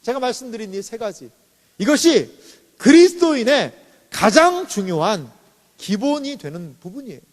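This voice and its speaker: A man's voice: very high-pitched, sing-song, normal speed. A male pastor preaching a sermon, asking rhetorical questions and acting out little stories. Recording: long reverb in a church hall.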